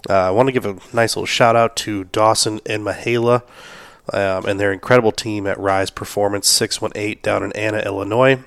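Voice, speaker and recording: Sick man with a smooth low voice. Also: fairly even intonation, fairly quick, dry recording. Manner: casual, lots of fillers, shout-outs. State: sick, losing his voice, coughing. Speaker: podcast host. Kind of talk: solo podcast recap.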